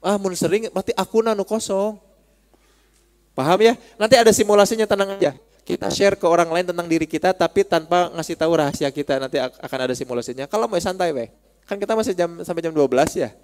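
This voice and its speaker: A man with a Sundanese accent gives a relaxed religious study talk in a voice pitched a little high. He is chatty and teasing and speaks straight to his listeners. A long reverb hangs behind him, as in a large hall. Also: fairly quick.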